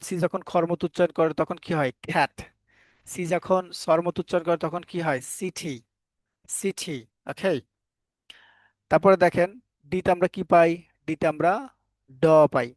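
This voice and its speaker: Man, online English teacher, slightly high voice, dry close sound, keeps quizzing students, firm. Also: no room sound. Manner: repeats questions to students, firm and scolding at times. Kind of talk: live online class lecture.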